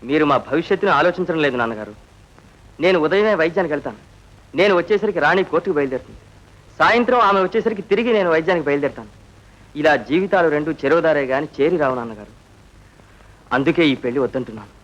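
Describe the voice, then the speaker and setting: An earnest young doctor in an old film, quick and formal as he reasons his case. The soundtrack is dull and muffled. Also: a little high, animated, fairly bright tone. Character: earnest young male doctor refusing marriage.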